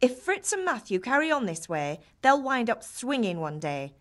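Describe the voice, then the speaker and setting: This actress uses a fairly high pitch at a moderate pace to play a middle-aged mother from a medieval game village. Affectionately scolding and teasing, she nags in an animated way throughout the dramatic dialogue.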